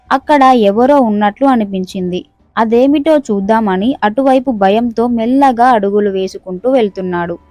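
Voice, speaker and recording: A woman storyteller reading a scripted horror story in a steady, suspenseful manner. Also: on the high side, no room sound.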